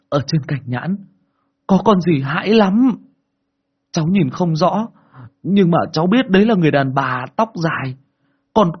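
A frightened young boy stammers and sobs in a high, strained voice, as a man puts him on. The voice is husky, and the recording sounds dull and lo-fi. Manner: stammering, tearful. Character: terrified young boy, sobbing after being possessed.

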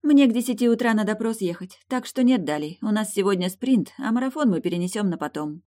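A woman's voice: mid-range voice, expressive, fairly quick, warm tone, voice pushed up, natural voice. A woman reading an audiobook voices a headstrong young princess in love, eager and insistent. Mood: playful eager.

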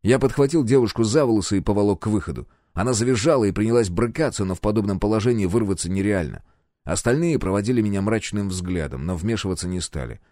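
Man narrating an audiobook, lively and dry. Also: lowish voice, fast talker, dry recording. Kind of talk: first-person audiobook narration of science fiction.

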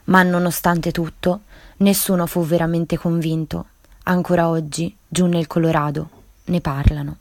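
A woman on a radio literature show reading a story aloud in a measured, dramatic way. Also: on the low side, level tone, a little mellow, dry recording, clean studio sound.

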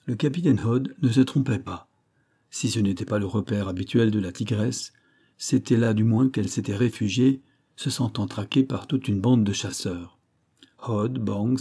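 A man narrates a classic adventure novel in a calm, measured reading. His voice sits low and sounds dark and mellow, with a husky edge. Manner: measured, even literary reading. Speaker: audiobook narrator. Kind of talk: audiobook narration.

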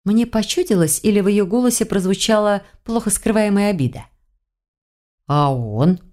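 A woman narrating a first-person fantasy novel in a measured, expressive reading. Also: mid-range voice. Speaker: audiobook narrator.

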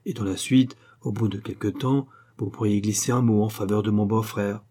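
Male reader voicing a pleading society lady, urgent, husky tone. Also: on the low side, fairly even intonation, moderate pace, dark tone, natural voice. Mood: persuasive. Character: anxious scheming noblewoman, pleading, gossipy.

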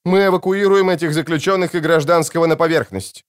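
A man's voice: on the high side, steady tone, a little fast, clear, resonant tone, voice pushed up, natural voice. A man voicing a stern female prison warden who gives clipped orders while barely hiding panic, in a home-made audiobook. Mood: commanding.

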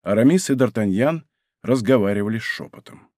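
A man reading an adventure novel aloud in measured, dramatic scripted narration. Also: fairly low pitch, lively intonation, dark tone, no room sound, studio quality. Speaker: audiobook narrator.

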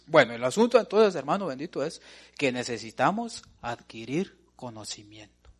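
Pastor, animated preaching that drops from loud to hushed, calling everyone brother. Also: male voice, mid-range voice, moderate pace, husky. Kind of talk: sermon.

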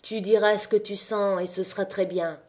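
A woman's voice: medium pitch, fairly even intonation, normal speed, darkish tone, natural voice. Woman reading as an eager young miner. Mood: encouraging. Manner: encouraging. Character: eager young male miner, fiery speaker.

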